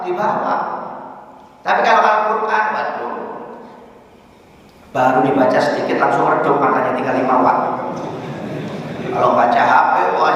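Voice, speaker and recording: A man from Indonesia giving a religious lecture at a mosque study circle, telling stories with mounting excitement and dotting his talk with "ya". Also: on the high side, highs cut off. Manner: storytelling with rising excitement and repeated "ya". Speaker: preacher leading a study circle. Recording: echoey mosque hall, far from mic.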